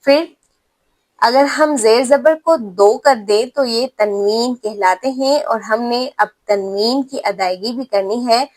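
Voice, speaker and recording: Woman, Pakistani accent, slightly high voice, patient teacher who repeats demonstrated sounds slowly and checks in often. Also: a little mellow. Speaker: Quran recitation teacher. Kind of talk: step-by-step tajweed lesson.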